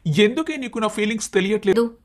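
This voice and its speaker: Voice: mid-range voice, expressive, fast talker, lightly acted. A performer voicing an earnest, hot-tempered young husband in a cartoon story, talking in a pleading, emotional way. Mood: frustrated. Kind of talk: Telugu storybook cartoon dialogue.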